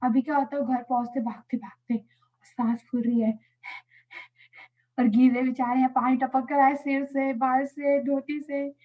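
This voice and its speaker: A woman telling a story to children in an animated, playful way, adding sound effects. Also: high voice, moderate pace. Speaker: Sunday school storyteller. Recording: tinny phone-like audio.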